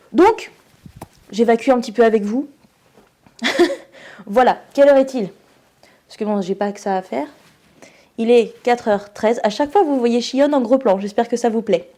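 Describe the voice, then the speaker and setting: A woman's voice: on the high side, mellow. A tired young woman from France chatting casually to camera in her student vlog, self-mocking and laughing often. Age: young adult. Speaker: student vlogger.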